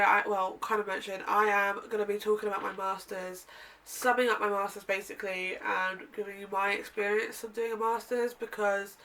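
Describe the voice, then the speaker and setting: In this casual sit-down vlog to camera, a twenty-something woman from the UK chats on, wandering off topic and catching her own slips. Her medium-pitched voice is fairly bright but sounds congested and nasal. The microphone sits at a distance, with faint room sound around her.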